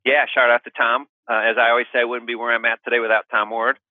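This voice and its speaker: A middle-aged male guest talks casually in an interview. His mid-pitched voice comes through a narrow, phone-like line with no room echo. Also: flat delivery, quick pace. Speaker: podcast guest, mortgage professional.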